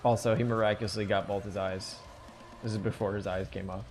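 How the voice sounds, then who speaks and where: A man's voice: fairly low pitch, level tone, brisk, darkish tone. A man teaching drawing on a live stream, thinking aloud in a rambling, casual way with many fillers.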